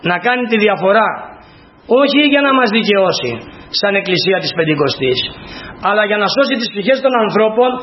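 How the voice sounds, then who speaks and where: A man preaching a sermon to his congregation in an earnest, emphatic way, repeating key phrases. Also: high-pitched. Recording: dull lo-fi recording with faint noise.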